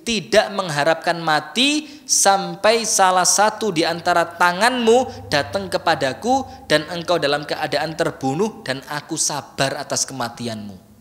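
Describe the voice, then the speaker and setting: A man voicing a stern, devout older mother urging her son to be brave, in a measured, solemn way. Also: on the low side, close to an everyday voice. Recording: long hall reverb.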